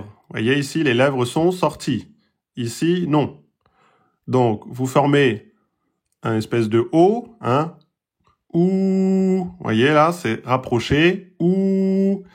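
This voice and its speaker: A man teaching pronunciation in a patient lesson, repeating points, checking with his students and sounding out vowels himself. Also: mid-range voice. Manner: demonstrates vowel sounds aloud. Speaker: Quran recitation teacher. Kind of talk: slow, patient explanatory lesson.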